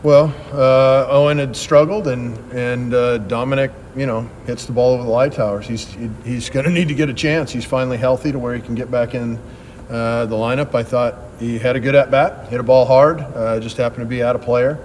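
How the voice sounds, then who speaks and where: A middle-aged head coach fields reporters' questions after a game, speaking quickly and bluntly. He often restarts his sentences mid-thought. A light background hum sits under his voice. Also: medium pitch, fairly even intonation, a little mellow. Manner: quick, plain-spoken answers with frequent restarts. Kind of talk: postgame press conference. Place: press backdrop at a ballpark.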